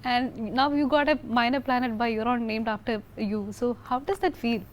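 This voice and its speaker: A woman with an Indian accent puts questions to a guest as an interviewer. Her voice is high, and faint noise sits behind it. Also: moderate pace.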